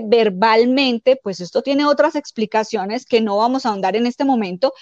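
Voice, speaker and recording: Woman life coach, fairly high voice, calm and explanatory, dry slightly muffled sound. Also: no echo. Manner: calm, explanatory, often acts out quoted dialogue. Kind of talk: spiritual self-help advice talk.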